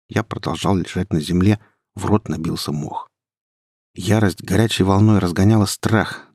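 A young man narrating a first-person story in a measured, low-key way. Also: creaky, a little mellow, slightly rough, no room sound, clean studio sound. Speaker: audiobook narrator.

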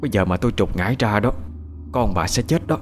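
A man voicing a stern older woman who works as a village sorceress, speaking gravely and with authority. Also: fairly low pitch, animated, brisk, faint music behind, natural voice. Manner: grave, commanding.

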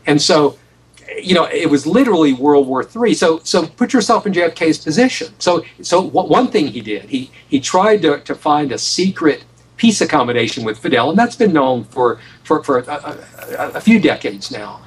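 A man's voice: fairly high pitch, very animated, moderate pace, husky, far from the mic, poor audio. An American man telling a story as an interview guest, emphatic, often repeating and restarting his phrases. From United States. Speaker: guest author on a radio show.

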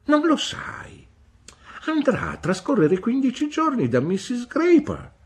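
A hearty nursemaid, eager and coaxing, as a woman reader puts her on, her husky voice pitched brighter and louder than the narration, swinging up with exclamations. She sounds homely and warm-hearted in this storybook reading. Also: sing-song, unhurried, exaggerated voice. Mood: emphatic. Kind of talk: audiobook character voice.

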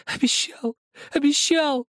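A shrill, tearful village boy. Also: quick pace, no echo, clean studio sound. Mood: furious, sobbing. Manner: shrill, sobbing shouts. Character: distraught young village boy, tearful and furious. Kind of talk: audiobook character voice.

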